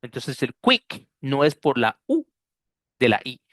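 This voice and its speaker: A man's voice: mid-range voice, sing-song, slow, a bit bright, no room sound, studio quality. A man with a Costa Rican accent teaching pronunciation in an online class, explaining patiently and drilling sounds aloud. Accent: Costa Rican Spanish.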